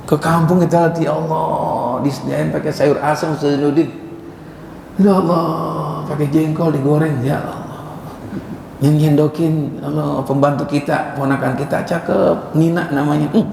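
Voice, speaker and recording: A man giving a casual, joking sermon, slowly reciting Arabic phrases between chatty asides. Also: on the high side, steady tone, gravelly, a little mellow. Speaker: preacher. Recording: echoey hall with faint ambient noise.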